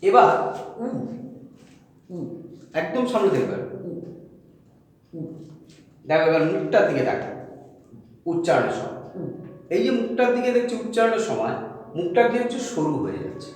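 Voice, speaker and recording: A man teaching a lesson on vowel sounds, repeating each sound slowly and checking again and again that his students follow. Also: high voice, big pitch swings, a little mellow. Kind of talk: spoken grammar lesson on vowels. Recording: very echoey room with long reverb.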